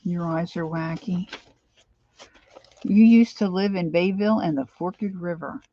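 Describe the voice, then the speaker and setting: Muffled livestream audio; American woman, middle-aged, lowish voice, slight lisp from missing teeth, rambling, chatty host. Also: measured pace, dark tone. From Pennsylvania, United States. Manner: rambling, chatty, addresses viewers by name. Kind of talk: casual livestream chat. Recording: dull, lo-fi sound.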